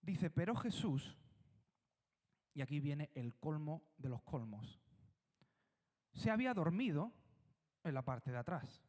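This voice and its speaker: A pastor from Spain preaches in a Spanish accent with a voice that sits high for a man. He tells the story with flair, acting out pleading dialogue with God and the disciples. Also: lively intonation, takes it slowly, pauses often, a little mellow. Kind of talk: sermon.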